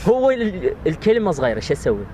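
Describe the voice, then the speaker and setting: Iraqi guy, kinda high animated voice, casual game banter, repeats words hard, bit of noise. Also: quick pace. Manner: repeats single words emphatically. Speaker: clue-giver in a headphone word-guessing challenge. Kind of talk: casual joking banter during a guessing game. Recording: faint outdoor or car noise behind.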